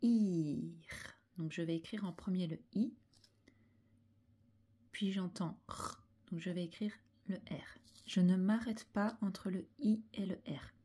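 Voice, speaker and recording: A woman teacher guides young children through writing syllables, taking her time over every sound. Her voice is mellow and a little husky, and she often sinks into a soft half-whisper as she spells each letter out. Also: on the low side, fairly even intonation, a little slow. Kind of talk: handwriting lesson for young children.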